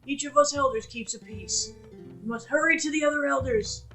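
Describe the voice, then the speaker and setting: A streamer putting on a slow, soft old man voice for a kindly elder of a rock-like tribe in a video game. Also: high-pitched, faint music behind, pitched above the performer's own voice. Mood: earnest. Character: old male rock-folk elder, kindly, creaky back. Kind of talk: reading game dialogue aloud.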